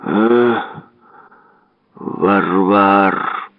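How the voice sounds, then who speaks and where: A man voicing a grumbling old grandfather who scolds in a gruff, drawn-out way, heard over a tinny radio broadcast. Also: fairly low pitch, no room sound. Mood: scolding.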